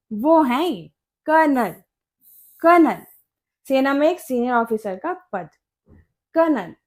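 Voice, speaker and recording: A woman from India teaching English pronunciation, repeating each word slowly and carefully for learners. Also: sits high. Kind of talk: pronunciation lesson.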